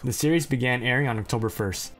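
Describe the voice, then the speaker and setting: A man reads through anime plot summaries at a middle pitch, with faint music under him. He keeps cutting in with blunt, profane, self-deprecating remarks between the synopses. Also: quick pace, fairly bright tone. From China. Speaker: anime list narrator. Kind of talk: reading anime synopses with casual asides.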